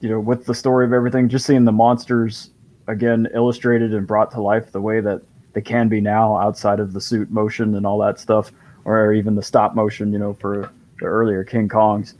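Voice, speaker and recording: A man's voice: fairly low pitch, completely flat delivery, moderate pace, a little mellow, low-quality recording. A man in casual chat about a movie, rambling along with lots of fillers.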